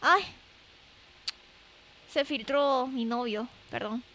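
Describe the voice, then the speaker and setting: This Japanese woman livestreams in a very high, anime-like voice, talking very slowly with a sharp tone over a slight hiss or hum. She's casual and playful with viewers, exclaiming often and repeating herself.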